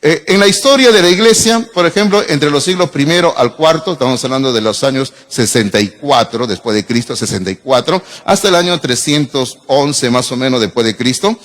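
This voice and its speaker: A middle-aged pastor delivering a sermon with a casual, talkative touch, tossing questions to the congregation as he goes. His voice sits at an ordinary pitch for a man. A long church reverb trails each phrase. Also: lively intonation, brisk, hardly any pauses, a bit bright. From Peru. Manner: conversational preaching with asides and audience questions. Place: church sanctuary.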